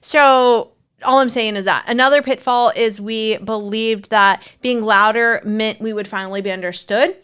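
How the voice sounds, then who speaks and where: A woman's voice: on the high side, steady tone, moderate pace, a bit bright, clean tone. A woman co-hosting a casual talk about marriage, speaking frankly and with many fillers. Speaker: marriage coach, co-host.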